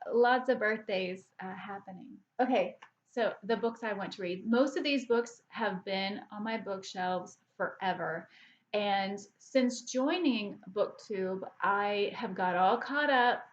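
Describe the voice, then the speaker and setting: A woman in her forties chatting casually to camera as a book vlogger, rambling along with frequent restarts and fillers. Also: mid-range voice. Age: 40s. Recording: slightly dull lo-fi audio.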